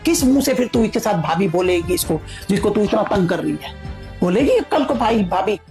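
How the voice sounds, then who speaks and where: A woman's voice: medium pitch, expressive, brisk, a little mellow, soft background music, natural voice. A woman playing a stern middle-aged mother who lectures her daughter with emphatic repetition. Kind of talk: family drama acting.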